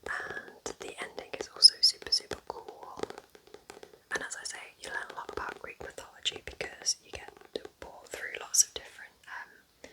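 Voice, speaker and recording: An ASMR host speaks in a gentle, breathy whisper with no voicing, recommending books at an unhurried pace and with quiet enthusiasm. Audio quality is poor.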